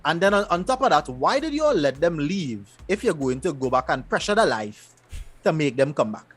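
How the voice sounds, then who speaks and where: A man, co-hosting a casual show recap and retelling scenes in an animated way. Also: on the high side, brisk, breathy edge. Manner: animated, loose storytelling with repeated restarts. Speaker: podcast co-host.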